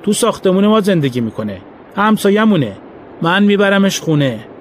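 A man voicing a mocking male neighbour who drives a car and talks in a slow, taunting way. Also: high voice, sing-song, slight background noise, pitched above the performer's own voice.

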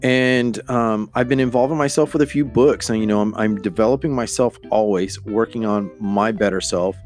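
A man's voice: fairly low pitch, moderate pace, a little mellow, soft background music. A man hosting a solo podcast in a casual, hesitant, meandering way, often thinking aloud. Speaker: podcast host.

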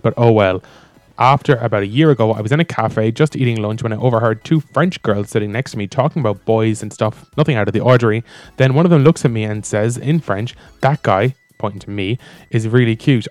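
Casual male co-host, rambling, filler-heavy delivery, medium pitch, dry recording, faint music bed. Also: a little mellow, no echo. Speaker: co-host reading stories. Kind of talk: casual chat.

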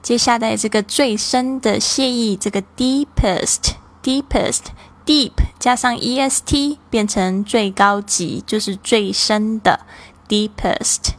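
A woman from Taiwan with a Taiwanese Mandarin accent, teaching English in a cheerful, explanatory way and slowing down for example words. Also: a little high. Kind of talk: online language lesson.

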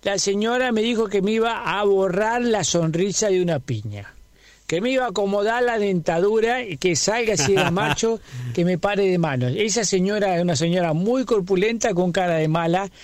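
A man's voice: high voice, expressive, moderate pace, dry recording. A man playing a rambling, scaredy superhero with an Argentine accent. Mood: rambling, comic. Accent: Argentine Spanish. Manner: rambling storyteller, acting out every voice in his tale. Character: bumbling male superhero, scared and boastful. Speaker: comedic radio character. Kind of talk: comedy radio sketch.

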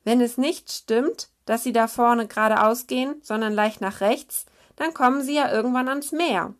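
A woman's voice: fairly high pitch, moderate pace, pitched above the performer's own voice, lightly acted. Woman doing an earnest storybook seal. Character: thoughtful, earnest female seal.

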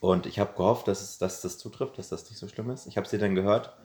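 Very deep-voiced man in an echoey room. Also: fairly even intonation, fast, darkish tone. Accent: standard German. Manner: hesitant, repeats words. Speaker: podcast co-host. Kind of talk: casual chat. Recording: echoey room, faint hiss.

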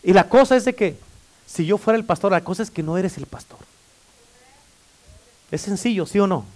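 A man's voice: high-pitched, expressive, normal speed, darkish tone. A man preaching a sermon as pastor, calling for amens and teasing the congregation in a playful way. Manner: preaching with call-and-response amens. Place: church.

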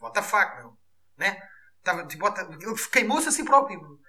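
A man with a European Portuguese accent hosting a podcast, delivering an animated, profane comic rant. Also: sits high, normal speed. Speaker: podcast host.

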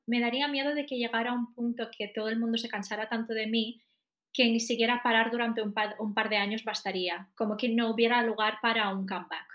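A woman's voice: on the high side, fairly bright tone. A woman with a Spain Spanish accent co-hosting a podcast, chatting in an opinionated way and often trailing off with little tag questions. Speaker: podcast co-host. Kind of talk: casual chat.

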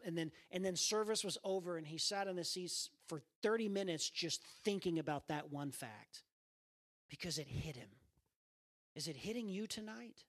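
A man preaching a sermon in a church, earnest and repeating his phrases for emphasis. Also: a bit bright. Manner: earnest, repeats phrases, acts out quoted voices in a raised pitch. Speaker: pastor. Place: church sanctuary.

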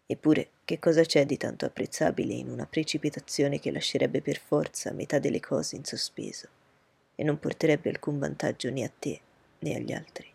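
A woman reading aloud voices a proud, reserved gentleman who speaks in a cool, measured, lecturing way. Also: sits low, creaky, slightly rough, pitched below the performer's own voice, full character voice.

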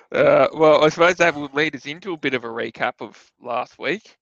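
A man with an Australian accent and a creaky, mid-pitched voice, recorded dry and a little dull. He co-hosts a casual sports betting podcast, speaking in halting bursts. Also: a bit bright, no room sound. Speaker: podcast co-host. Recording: dull, close dry sound.

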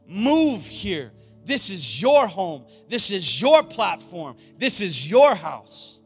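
A man's voice: sits high, sing-song, slow, in a large hall. A man preaching and praying as a pastor in a fervent rally-speech style, declaiming in short repeated phrases. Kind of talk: evangelical church preaching and prayer. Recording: music playing under the voice. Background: instrumental music.

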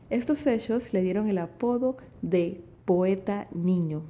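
A woman presenting a poetry podcast as scripted narration, in a formal, measured manner. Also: mid-range voice, warm tone. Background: background music.

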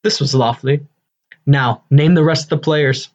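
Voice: mid-range voice, moderate pace, a little mellow, close to an everyday voice. A self-important amateur thespian of a man, as an actor plays him, declaiming eagerly and bombastically. It is Shakespearean comedy, in a slightly dull recording. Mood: boastful. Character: Bottom, boastful, eager amateur-actor weaver, adult man.

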